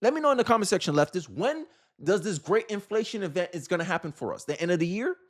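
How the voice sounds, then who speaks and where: A high-voiced American man rattles off casual, opinionated political commentary, firing rhetorical questions. He sounds exasperated and emphatic, animated and fast-talking.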